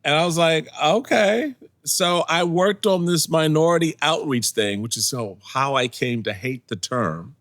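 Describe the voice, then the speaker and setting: A man in his sixties, a guest in a casual interview, telling lively stories and acting out what people said, laughing often. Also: a little high, moderate pace, few pauses, no room sound. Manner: animated storyteller, acts out quotes, laughs often. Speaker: podcast guest, former party chairman.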